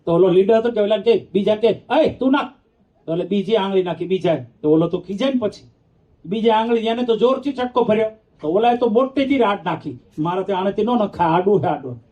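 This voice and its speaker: A man's voice: high-pitched, brisk. A male monk giving a storytelling sermon, playfully acting out characters and teasing his listeners. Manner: playful, acts out the characters, teases the audience. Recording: dull lo-fi sound.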